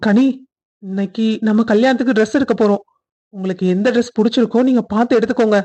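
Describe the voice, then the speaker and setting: A woman's voice: on the high side, fairly even intonation, fast, warm tone, lightly acted. A woman voicing a caring young man in a family cartoon, earnest and reassuring. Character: young man, caring groom and protective brother figure. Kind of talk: cartoon voice acting.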